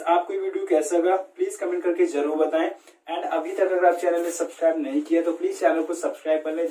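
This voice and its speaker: A man's voice: a little high, dark tone. A man teaching English words through a story, asking and answering his own questions and switching between Hindi and English, heard with a roomy echo from a distant mic. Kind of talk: storytelling vocabulary lesson.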